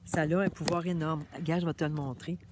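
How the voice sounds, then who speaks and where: A woman with a Québécois French accent, chatting casually straight to her viewers in an animated, familiar way. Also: low voice, a little fast, slight background noise. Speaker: vlogger.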